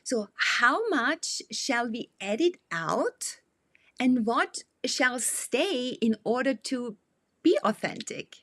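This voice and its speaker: Woman, foreign accent, non-native speaker, slightly higher pitch, halting conversational delivery, dry recording. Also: sing-song, a bit bright, no room sound. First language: not English. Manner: halting, searching for words. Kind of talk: conversational interview.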